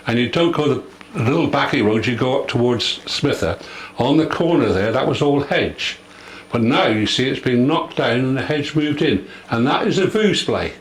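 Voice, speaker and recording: An older villager from rural Devon is interviewed, chatting and reminiscing casually in old West Country dialect with a Devon accent. His mid-range voice has lively intonation and a normal speed, recorded in an echoey room with faint background noise.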